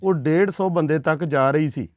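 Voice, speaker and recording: A man's voice: a little high, normal speed, a little mellow, no echo, clean studio sound. A man talking earnestly to a family as he hands over aid money, reassuring and preachy, often checking with short questions. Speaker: charity worker handing over aid. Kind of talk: earnest on-camera talk.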